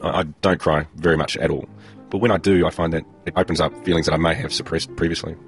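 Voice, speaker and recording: A man's voice: extremely low pitch, steady tone, fast, faint music behind. A man reflectively telling a personal story, slightly hesitant. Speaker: interviewee sharing a story. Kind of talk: personal anecdote.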